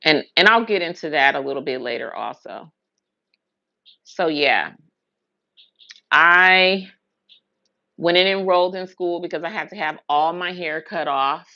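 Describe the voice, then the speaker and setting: Unhurried and low, with vocal fry and frequent pauses, her voice sounds pushed and bright on a dull recording that has no room sound. She's an American hairstylist and livestream host from Huntsville, Alabama and Brooklyn, New York, casually telling rambling personal stories in colloquial speech and repeating words for emphasis.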